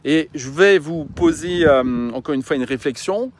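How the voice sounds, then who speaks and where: A man's voice: on the high side, a little slow. A man, a coach and mountain guide, talking earnestly and informally to his followers, with frequent fillers and restarts. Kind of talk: casual informal talk to followers.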